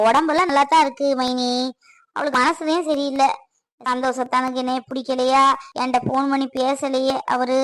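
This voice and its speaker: A woman's voice: sits high, fairly bright tone, dry recording. A woman playing a protective middle-aged mother who talks in a consoling yet scolding way, in a family skit. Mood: complaining.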